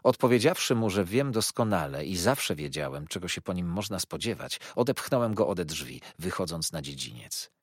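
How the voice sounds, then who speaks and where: A man narrating a literary audiobook in a dramatic, expressive reading. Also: low-pitched, normal speed, hardly any pauses, no room sound, clean studio sound.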